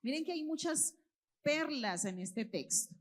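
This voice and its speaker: Preaching to families in a church hall full of children, a female children's church teacher tells stories at a measured pace in a somewhat high voice. Her lively, expressive style includes quizzing the audience.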